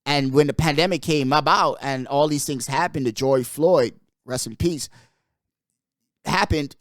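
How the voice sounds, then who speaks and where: A young man from the Bahamas hosts his podcast in a loose, rambling chat, full of emphatic asides. His voice sits a little higher than most men's. The recording is dry and close, with no room sound. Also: measured pace, no echo. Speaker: podcast host. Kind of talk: casual chat.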